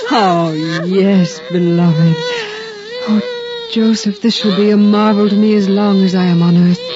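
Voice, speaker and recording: An actress playing Mary as a gentle, devout young mother, with formal, measured diction in a 1950s radio drama style. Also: medium pitch, background noise. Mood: tearful wonder. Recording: muffled old radio recording, music behind.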